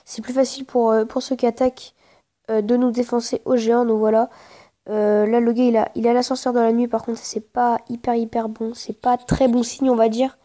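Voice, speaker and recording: Mellow high-voiced woman gamer, slangy and hesitant. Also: little pitch movement, normal speed. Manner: informal slangy speech, often swearing in frustration; hesitant, repeats phrases while thinking aloud. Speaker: gaming video creator. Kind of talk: casual live gameplay commentary.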